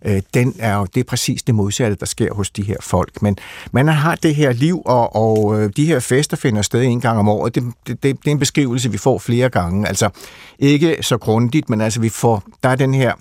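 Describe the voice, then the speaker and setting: A man's voice: mid-range voice, a little mellow, dry recording. A man explaining a literary subject in a conversation, thoughtful and hesitant, with many fillers and restarts. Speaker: literature expert guest.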